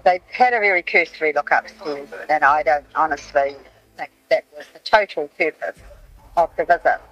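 A middle-aged woman heard on an old dictaphone recording made in a noisy cafe, recounting events in a halting way with many "uh"s and "um"s. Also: sits low, fairly bright tone. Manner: hesitant, halting with frequent "uh" and "um". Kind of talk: recounting past events in an interview. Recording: lo-fi dictaphone tape.

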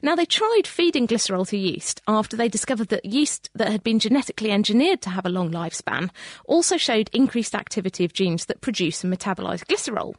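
A British woman presenting a science show in a bright, curious, chatty way, reading scripted items with casual, jokey asides. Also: mid-range voice, big pitch swings, fast talker, no echo, clean studio sound.

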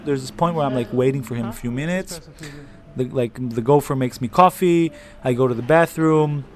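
A man's voice: mid-range voice, normal speed. A man from Israel, a journalist, recalling events in a chatty way full of fillers. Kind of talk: casual interview recollection.

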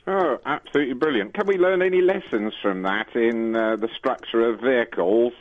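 A man's voice: medium pitch, a little fast. A man calling in to a radio phone-in show, telling his story in a chatty, amused way over a phone line.

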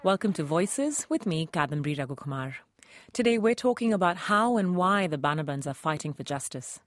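A woman host reading a scripted radio documentary narration in a calm, clearly paced way. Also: lowish voice, a little fast, no room sound, studio quality.

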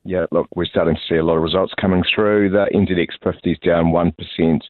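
A man's voice: sits low, steady tone, quick pace, no echo. A man with a New Zealand accent, reading out stock prices item by item as a markets analyst on a news programme. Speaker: financial markets analyst, guest. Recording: narrow-band phone-like line.

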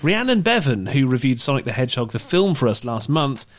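A man's voice: medium pitch, a little fast, background noise. A man presenting news as a host in a conversational style.

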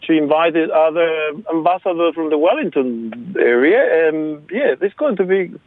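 A man from Argentina with an Argentine Spanish accent, a guest on a radio interview, speaking haltingly with many fillers and restarts. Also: on the high side, lively intonation, dry recording. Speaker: guest, local rugby supporter. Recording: phone line, dry.

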